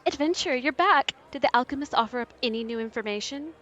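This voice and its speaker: A woman's voice: high voice, quick pace, dull audio. A woman voicing an eager, cheerful young female reporter who is always chasing an interview. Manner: bright and eager.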